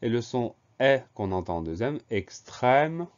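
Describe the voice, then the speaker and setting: A man teaching a French spelling dictation lesson, explaining each word slowly and spelling it out letter by letter in a patient, steady way. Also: medium pitch, dull audio. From France.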